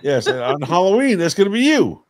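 A man's voice: fairly high pitch, very animated, fairly quick, slight background noise. A man co-hosting a video call interview, rambling and playful. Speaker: co-host.

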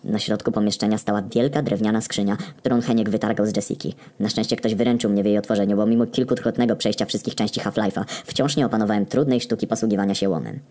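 A male narrator delivers a comedic story at a brisk, rapid pace in a dark, mellow voice on the low side. His reading stays deadpan and wry, scattered with coarse swearing.

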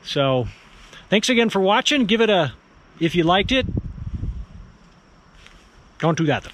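Easygoing male nature vlogger, slightly high voice, chatty and self-mocking, faint outdoor ambience. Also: unhurried, a little hiss or hum. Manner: relaxed, chatty, self-deprecating. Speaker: wildlife photographer. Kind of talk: casual vlog chat. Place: outdoors in a rocky scree field at dusk.

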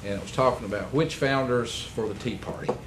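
A man's voice: mid-range voice, brisk, background noise. A middle-aged man, a county commissioner speaking candidly and rambling a bit in a meeting chamber. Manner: candid, rambling, self-correcting storyteller. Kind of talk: public meeting remarks.

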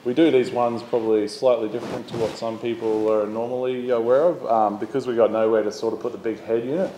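Speaking fast in a warm, steady mid-range voice, this thirty-something Australian volunteer coast guard instructor explains things step by step in a casual, straightforward video presentation. He's filmed on a boat on the water, in an open garage and in a radio room, where the sound carries a roomy echo and clear background noise.

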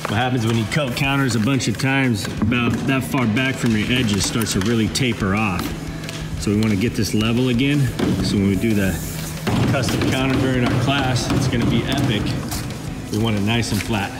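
Loud music plays behind this medium-pitched male voice as he leads a warehouse tour in a casual vlog. Speaking at normal speed with fairly even intonation, he walks through the large indoor space chatting cheerfully with coworkers, and the room sound echoes.

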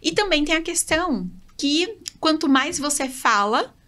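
A woman's voice: high voice, animated, a little slow, bright, forceful tone. A woman hosting a casual podcast conversation, chatty and explaining with anecdotes. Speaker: podcast host, nutrition mentor.

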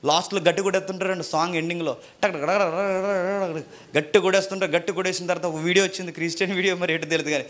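A male pastor preaching a sermon, moving between forceful shouted rebukes and low, mocking asides. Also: fairly even intonation, rapid-fire.

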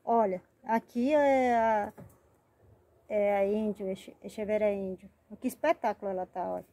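A woman's voice: mid-range voice, steady tone, normal speed, warm tone. A woman hosting a casual gardening vlog, chatting affectionately as she names and shows each of her plants. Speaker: plant channel host.

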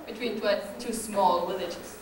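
A young woman on stage translating lines into English, quick and amused. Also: medium pitch, fairly even intonation, crowd noise. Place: large hall with live audience. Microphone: no mic, far camera. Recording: echoey hall, far off, noisy.

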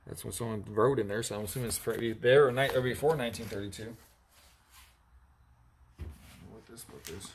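A man's voice: on the low side, fairly quick, pauses often, background noise. A man in his thirties, an auctioneer, chatting casually as he goes through old items, reading labels aloud and teasing his crew. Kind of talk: casual unboxing commentary. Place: indoor storage area with block walls.

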